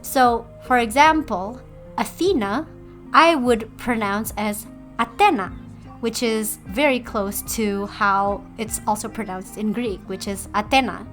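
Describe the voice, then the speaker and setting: A woman's voice: on the high side, a little slow, hardly any pauses, fairly bright tone, faint music behind. A young woman from Indonesia, chatting casually in a voice-over about her drawing process, with playful self-deprecating asides. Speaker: artist and video creator.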